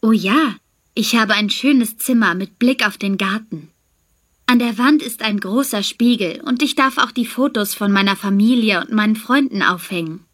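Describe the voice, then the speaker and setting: A cheerful young au pair talks about her work and plans in a clear, careful and friendly way, as voiced by a woman. She speaks at a natural pitch and pace. The recording is a scripted language-exam dialogue. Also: moderate pace, natural voice. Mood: pleasant. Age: young adult.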